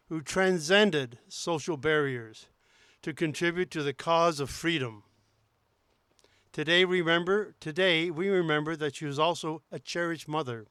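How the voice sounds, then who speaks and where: A man delivers a prepared dedication speech in an earnest, heartfelt tone. His voice is smooth and resonant, pitched a little high. The sound is close and dry. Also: a bit bright, dry recording. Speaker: sculptor giving a dedication speech.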